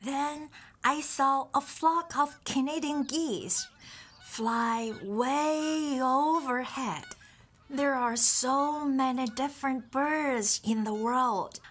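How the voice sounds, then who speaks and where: Cheerful curious beaver boy, voiced by a woman, children's puppet show, high voice, slow gentle chat to the viewer. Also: heavily acted. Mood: friendly. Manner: gentle, chatty, talks straight to the viewer.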